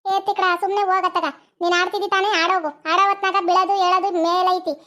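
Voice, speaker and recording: A woman voicing a bossy, quick-tempered young woman who scolds and mutters to herself. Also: extremely high pitch, little pitch movement, sharp tone. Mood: scolding.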